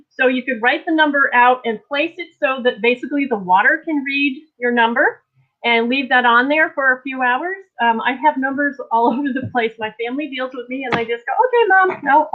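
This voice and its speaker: A woman's voice: on the high side, normal speed. A middle-aged woman hosting a casual live-streamed energy healing session in a rambling, scattered, informal way, heard through tinny phone-like audio. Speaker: host, energy healer.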